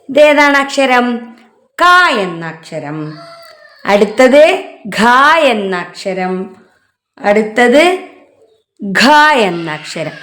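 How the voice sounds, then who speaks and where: A woman with a Malayali accent teaching a children's alphabet lesson, asking questions and answering them herself with drawn-out syllables. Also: fairly high pitch.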